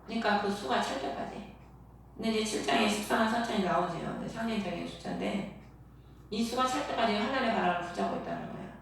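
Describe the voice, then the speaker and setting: A woman's voice: medium pitch, lively intonation, fast, slight background noise. Woman preaching in an echoing hall. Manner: earnest preaching, asks rhetorical questions. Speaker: pastor. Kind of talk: sermon. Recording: echoey hall, voice from far off.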